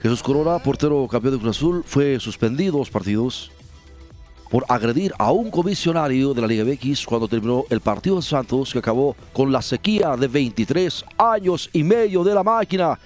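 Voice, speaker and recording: A man's voice: mid-range voice, animated, normal speed, a little mellow, faint music behind. A man hosting a comedy sports show, reading the news in a newsreader cadence.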